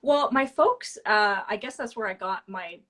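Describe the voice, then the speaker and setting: A woman from Toronto, a guest in a relaxed interview, with a mid-range voice. She tells a long story in a loose, rambling way, full of fillers, restarts and quick laughs. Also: medium pitch. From Toronto, Canada.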